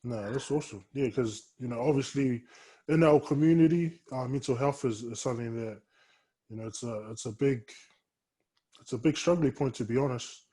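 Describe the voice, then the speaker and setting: A man's voice: mid-range voice, normal speed, mellow, slightly rough. A man as a podcast guest in casual chat, earnest and reflective.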